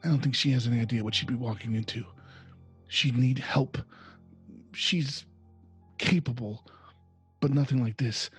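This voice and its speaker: A man voicing a frightened young woman held captive in a tabletop game, talking in an anxious, hurried way. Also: medium pitch, husky, soft background music.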